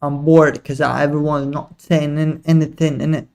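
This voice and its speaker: Teasing his chat in slang, this young livestream trading host gives casual live commentary. His voice is on the high side yet darkish and smooth, with vocal fry, little pitch movement, and a moderate pace.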